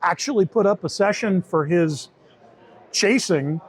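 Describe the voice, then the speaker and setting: A software team member with a somewhat high, slightly husky voice demonstrates a beta tool in an informal product demo during an interview. Speaking a little slowly and conversationally, he often repeats and rephrases his points as he goes.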